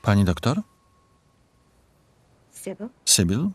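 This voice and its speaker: A woman's voice: very deep voice, big pitch swings, drawn-out words, breathy edge, no room sound. A woman reading a film voice-over, speaking every character's lines in her own voice.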